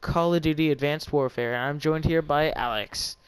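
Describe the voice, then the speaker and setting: A man's voice: on the high side, normal speed. A young man hosting a gaming channel, playfully teasing his friend and laughing while he plays. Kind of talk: casual gameplay commentary.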